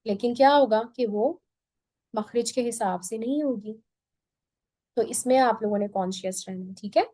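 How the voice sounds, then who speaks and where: Lady teaching quran sounds, bit high voice, dry close sound, slow patient drills. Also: dark tone, no room sound. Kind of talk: online lesson.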